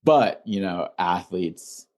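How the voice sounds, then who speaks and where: Young male founder from Illinois, deep-pitched, loose and chatty in conversation. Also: slow. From Illinois, USA. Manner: relaxed, rambling, many "like" fillers. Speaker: founder and guest. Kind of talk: casual interview.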